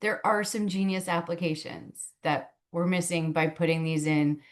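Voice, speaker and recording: A woman hosting a casual conversational show, speaking in an amused, easygoing way. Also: fairly low pitch. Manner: amused, quick to laugh. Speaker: talk show host. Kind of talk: casual chat.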